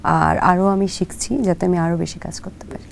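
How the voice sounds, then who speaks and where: A young woman from Kolkata with a Kolkata Bengali accent, answering interview questions hesitantly, with drawn-out fillers and English words dropped in. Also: lowish voice, steady tone, vocal fry, a little hiss or hum. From Kolkata, India. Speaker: actress guest.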